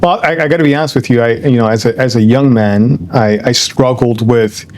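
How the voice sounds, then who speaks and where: Sprinkling Spanish words through his English, an older guest from Ecuador responds to interview questions thoughtfully and unhurriedly, often restarting phrases and filling pauses with "um" and "you know." His pitch is mid-range for a man, his tone darkish, and the recording rough.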